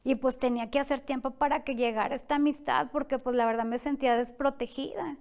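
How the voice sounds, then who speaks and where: High-voiced woman recounting a painful ordeal. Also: steady tone, fast talker, creaky, a little mellow. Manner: tense, recounting events with many quoted exchanges. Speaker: interview guest. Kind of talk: emotional personal testimony.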